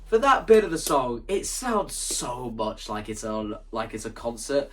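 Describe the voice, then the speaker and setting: A man with a medium-pitched voice and big pitch swings talks at a measured pace, presenting his own stage play in an explanatory vlog. He walks through his creative ideas casually and enthusiastically, emphatic and often repeating phrases for stress.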